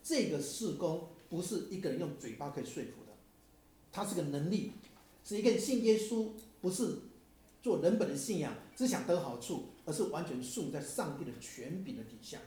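A man's voice: fairly high pitch, lively intonation, normal speed, dark tone, slight background noise. A man preaching a sermon, telling stories and asking the audience questions in a conversational way. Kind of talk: sermon with storytelling. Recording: very echoey hall sound.

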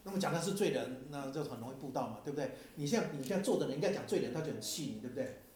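A man's voice: mid-range voice, lively intonation, rapid-fire, darkish tone. A man preaching a sermon, telling stories and asking the audience questions in a conversational way. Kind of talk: sermon with storytelling. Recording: very echoey hall sound.

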